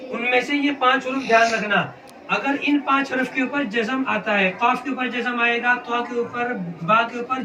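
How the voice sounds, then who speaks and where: A man teaching children to read the Quran, asking questions over and over and drilling letter sounds. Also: very high voice. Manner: patient, repetitive questioning of pupils. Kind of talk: classroom lesson with call-and-response. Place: classroom with children. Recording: echoey room, distant mic, noisy. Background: children's voices and room noise.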